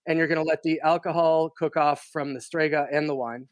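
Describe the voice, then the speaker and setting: A man, a chef, calmly talking someone through a recipe in a casual chat. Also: on the high side, brisk, dry recording. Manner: instructive, enthusiastic. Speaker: chef guest.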